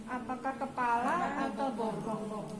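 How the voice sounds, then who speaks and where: A midwifery instructor gives a hands-on clinical demonstration of a prenatal exam, going step by step and checking that her students understand. Her voice is on the high side at a measured pace, recorded in an echoey room with background noise.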